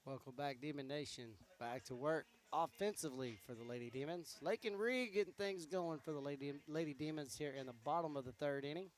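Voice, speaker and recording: A man calling high school softball play-by-play, easygoing and chatty between pitches, his voice going hoarse. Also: fairly quick, few pauses. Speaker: play-by-play announcer.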